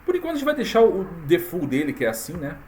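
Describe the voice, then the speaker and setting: A man walking viewers through a software tutorial in a casual, chatty way, full of fillers and tag questions. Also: high-pitched, wildly swooping pitch, very fast, a little hiss or hum. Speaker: tutorial presenter. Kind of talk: casual screen-recorded tutorial.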